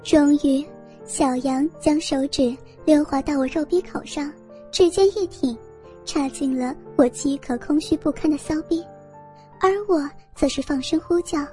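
A woman narrating a first-person story in a steady, intimate reading voice. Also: high-pitched, unhurried, soft background music.

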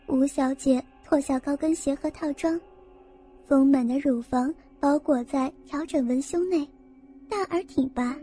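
Woman storyteller, high and mellow, steady reading over faint music. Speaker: narrator. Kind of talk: scripted story narration.

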